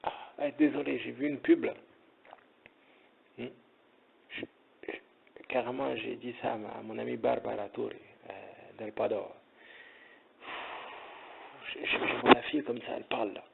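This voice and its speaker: A man's voice: mid-range voice, fairly even intonation, moderate pace, gravelly, long pauses, background noise. A man rambling casually in a joking, digressive monologue, with a tinny phone-like sound. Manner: joking, digressive, slips into mock Italian. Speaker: content creator talking about modeling.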